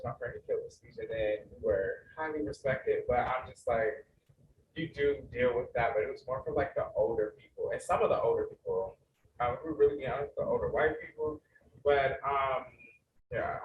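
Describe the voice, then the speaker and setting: A man tells a story on a student panel, rambling and filling pauses with um and like. His voice comes through thin and phone-like, picked up from a distance. The room echoes and there is noise behind him. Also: mid-range voice. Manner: rambling, frequent um and like. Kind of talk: panel discussion, casual storytelling.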